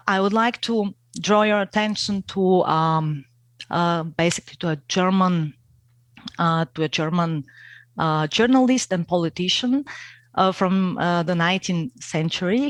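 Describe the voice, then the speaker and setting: A woman's voice: fairly low pitch, no room sound. A middle-aged woman from Bulgaria with a Bulgarian accent, answering interview questions hesitantly with many fillers. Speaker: guest expert.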